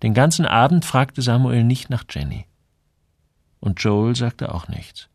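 Male narrator, audiobook, measured reading, gravelly, dry. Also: medium pitch, expressive, no room sound. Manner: measured storytelling. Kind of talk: scripted narration.

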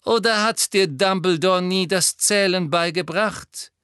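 A man voicing a sneering aristocratic male dark wizard who drawls and mocks in an audiobook. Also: high-pitched, a little slow, smooth, no echo, studio quality, voice pushed up. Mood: drawling sneer. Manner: drawling, mocking. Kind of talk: audiobook character voice.

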